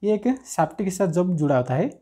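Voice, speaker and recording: A man working through technical exam questions in a screen-recorded lesson, reading each question slowly and then explaining the answer step by step. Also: high voice, expressive, warm tone. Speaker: technical teacher. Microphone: screen recording voice-over.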